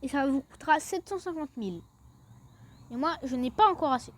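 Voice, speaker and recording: Her voice sits high and is expressive, moving a little fast. She's a gaming video creator chatting casually through a step-by-step game walkthrough, and "then" comes up often as she shifts to the next step.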